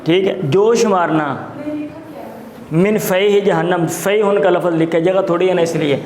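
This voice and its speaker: A male teacher gives a classroom lecture. He explains vocabulary term by term, repeating each word slowly. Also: high voice, darkish tone, reverberant. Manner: explains words slowly, repeating terms, mixes in Punjabi asides.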